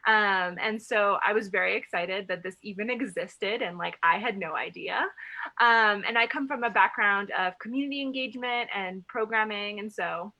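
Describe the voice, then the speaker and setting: A woman of Lebanese background who was raised in Dubai, UAE, introduces herself on a group video call as a new staff member and director at a theater organization. Her medium-pitched voice is bright and forceful at a moderate pace, with the highs cut off, and her informal, chatty delivery is packed with "like".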